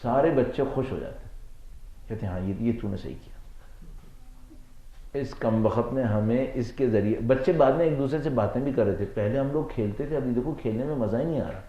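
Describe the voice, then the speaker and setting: A male cleric with a Pakistani Urdu accent delivers a religious lecture, weaving slow anecdotes and rhetorical questions. The recording is dull and lo-fi, and the voice rings in an echoey room. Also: medium pitch, mellow. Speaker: Shia cleric.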